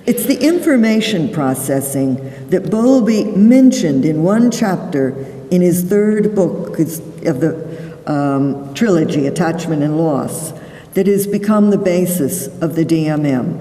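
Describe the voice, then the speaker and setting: A woman psychologist giving a conference lecture, explaining deliberately and stressing key words. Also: low voice, lively intonation, dark tone. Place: large conference hall. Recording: echoey hall, voice from far off the mic.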